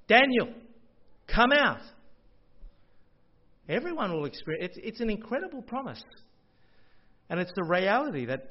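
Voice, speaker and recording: Pastor preaching, slightly high voice. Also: male voice, slightly rough. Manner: expressive, builds to loud proclamations. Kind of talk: sermon. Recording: dull lo-fi audio.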